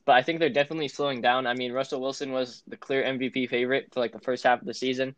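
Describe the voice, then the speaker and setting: A man's voice: medium pitch, very fast, no echo. A man co-hosting a casual sports podcast, easily steering the talk to the next team. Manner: relaxed, steering the segments. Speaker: podcast co-host.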